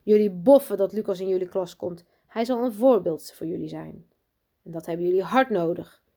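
A woman voicing a strict, pompous headmistress in a children's storybook reading, loud, high and commanding. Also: normal speed, gravelly. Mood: bossy. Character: strict pompous female headmistress, bossy and boastful.

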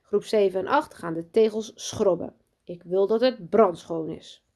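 A woman voicing a strict, pompous headmistress in a children's storybook reading, loud, high and commanding. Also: a little slow. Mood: bossy. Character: strict pompous female headmistress, bossy and boastful.

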